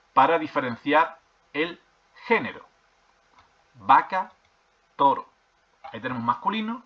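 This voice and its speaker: A male teacher explains grammar rules to his class, repeating each point and checking in after almost every sentence. His voice sits at an ordinary middle pitch. The recording sounds slightly dull and lo-fi. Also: sharp tone. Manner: repeats points, checks with frequent "¿vale?" and "¿de acuerdo?"; hesitant with fillers and restarts while reading from a textbook. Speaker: primary school teacher.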